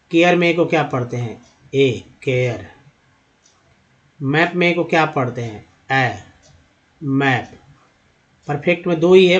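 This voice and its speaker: A man's voice: on the high side, dull audio. A man teaching how to read English words, patiently asking and answering his own questions about each vowel sound. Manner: addresses viewers as friends. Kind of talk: spoken lesson at a board.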